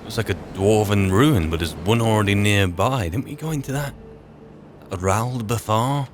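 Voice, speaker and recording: Here the same wizard persona comes through at a normal pace in a lowish male voice, with music playing underneath. He mutters short, guarded thoughts while commentating on the game, over clean audio with game ambience.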